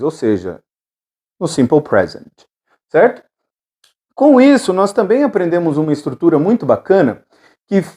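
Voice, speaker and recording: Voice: mid-range voice, warm tone. An English teacher giving a recorded lesson, patiently repeating drill phrases and checking in with the students.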